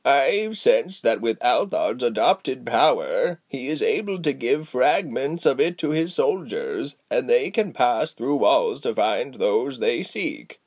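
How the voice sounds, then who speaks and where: A man voicing an old, tired, wise female healer who speaks slowly, calmly and sternly. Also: medium pitch. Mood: weary. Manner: slow, calm, measured, stern. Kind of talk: audiobook character voice.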